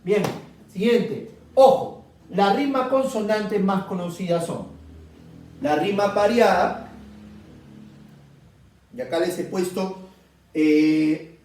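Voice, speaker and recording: A man's voice: sits high, darkish tone, a little hiss or hum. A man teaching a poetry lesson, explaining step by step and often checking whether the students follow. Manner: explains slowly with repeated checks like "¿bien?". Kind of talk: classroom lecture on poetry. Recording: very echoey room, mic at a distance.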